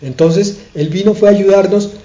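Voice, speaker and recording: A man preaching a sermon as a pastor, earnest and emphatic, slowing down and pausing to stress his points. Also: high-pitched, warm tone. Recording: echoey room, dull sound.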